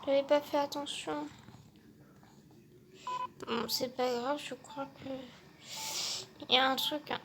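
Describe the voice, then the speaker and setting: A woman commenting casually on her game, unhurried and muttering asides to herself. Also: sits high, steady tone, creaky, noisy background. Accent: non-native English. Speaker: gamer.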